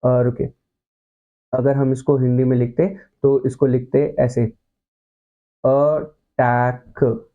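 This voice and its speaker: A man's voice: on the high side, warm tone, dull audio. A man teaching an online class, patiently walking through words and often checking that his students are following. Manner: casual and reassuring, mixes in English words. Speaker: shorthand teacher.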